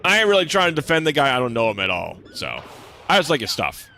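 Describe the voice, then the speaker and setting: A young man with a slight lisp chats casually with viewers while gaming on stream, relaxed and swear-sprinkled. He talks fast in a relatively deep, creaky voice with huge pitch swings, pushed and bright, over slight background noise.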